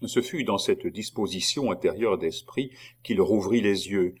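Un homme qui lit un roman classique d'un ton posé et régulier. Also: male voice, sits low, a little slow, breathy edge. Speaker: audiobook narrator. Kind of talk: classic novel reading.

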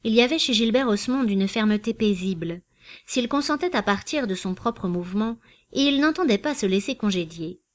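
A woman reads a classic novel aloud in a calm, even manner. Her voice sits at an ordinary middle pitch for a woman. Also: moderate pace. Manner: calm, even, literary reading. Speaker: audiobook narrator. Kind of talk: literary audiobook narration.

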